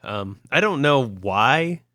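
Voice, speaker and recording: In clean studio sound with no echo, a young podcast co-host from Ohio tells stories in a loose, rambling chat peppered with fillers and restarts. His mid-range voice is expressive, pushed and bright, and his pace is slow.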